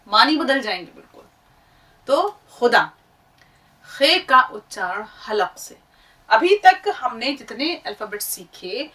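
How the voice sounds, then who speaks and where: A middle-aged woman teaches an Urdu lesson, drilling each sound over and over with patience. Her voice is bright and fairly high, and she speaks at an unhurried, measured pace. She is heard from a little way off the mic. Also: distant mic, rough recording. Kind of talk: classroom-style language lesson.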